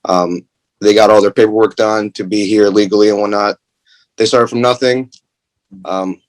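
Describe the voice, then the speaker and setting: A young man from Greece, co-owner of a food truck, answering interview questions casually with many pauses. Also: lowish voice, rough recording. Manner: relaxed, lots of "um" pauses.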